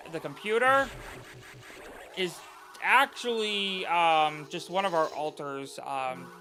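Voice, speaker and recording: A man streaming a game and chatting casually in a rambling, halting way, over game music. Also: fairly high pitch, sharp tone. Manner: rambling, halting, many fillers and restarts. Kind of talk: casual chat while playing a game.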